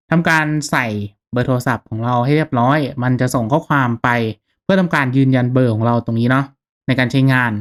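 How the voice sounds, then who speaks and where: The narrator is a man guiding a casual software tutorial step by step; his voice sits in the mid range and his manner is informal and instructive.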